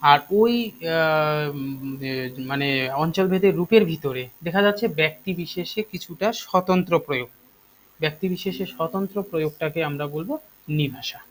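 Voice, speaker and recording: A man teaches an online lesson in a voice pitched a little high. He explains step by step, pausing on fillers and checking in with his students. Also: a little hiss or hum, low-quality recording. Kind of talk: online class lecture.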